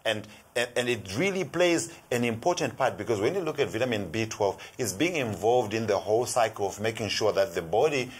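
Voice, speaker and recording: Middle-aged South African man on a studio shopping show; his voice sits low and sounds a touch husky. He explains with eager energy, looping through "you know" as he builds each point. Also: expressive, fairly quick, few pauses. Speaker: resident health expert. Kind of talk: TV shopping product talk. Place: TV studio set.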